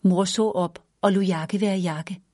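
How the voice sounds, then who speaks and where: A woman narrating a children's storybook in a gentle, even read-aloud manner. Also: medium pitch, no echo, clean studio sound.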